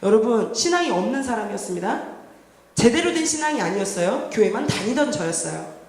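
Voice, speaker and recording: A woman's voice: on the high side, sing-song, brisk. Earnest woman giving testimony in an echoing church. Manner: earnest, heartfelt storytelling, often dropping to soft tones. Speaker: worship leader giving testimony. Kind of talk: personal testimony sermon. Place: church sanctuary during a Wednesday service. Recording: echoey church hall, faint background noise.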